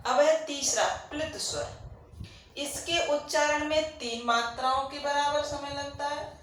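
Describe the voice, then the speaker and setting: A woman's voice: fairly high pitch, a bit bright. A woman teaching a grammar lesson. She asks questions and answers them herself, and she repeats the key points. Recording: very echoey room, faint background noise.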